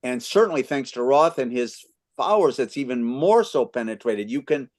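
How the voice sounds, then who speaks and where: An American man in his fifties hosts a book club, reading excerpts aloud and answering questions thoughtfully in a literary discussion. His medium-pitched, darkish voice has lively intonation and a moderate pace, though he restarts often.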